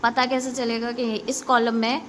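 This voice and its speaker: Brief: female schoolteacher, high voice, patient and repetitive, explains basics to kids and keeps checking they follow. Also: flat delivery, moderate pace, a little hiss or hum. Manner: addresses pupils directly with instructions. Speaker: school computer teacher. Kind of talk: classroom lesson explaining basics to children.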